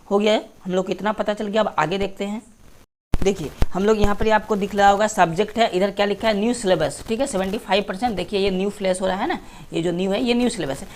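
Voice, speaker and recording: A woman teacher goes through a class syllabus on screen, checking in with listeners again and again. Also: mid-range voice. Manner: repetitive, checks in with "theek hai". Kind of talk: screen-share syllabus walkthrough.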